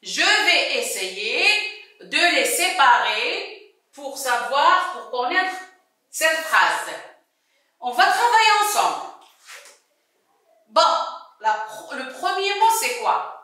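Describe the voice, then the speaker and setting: A woman teaching a first-grade reading lesson, speaking slowly, repeating words and syllables and praising often. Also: high voice, very animated, pushed and bright, recorded from a distance. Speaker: primary school teacher. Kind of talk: slow classroom lesson for young children. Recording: echoey room, voice away from mic.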